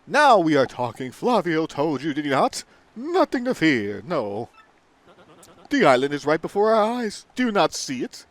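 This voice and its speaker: A man's voice: fairly high pitch, sing-song, normal speed. A man voicing a flamboyant, vain merchant adventurer from a video game, grandiose and theatrical in manner. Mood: boastful, grand. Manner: grandiose, theatrical, stammers when frightened.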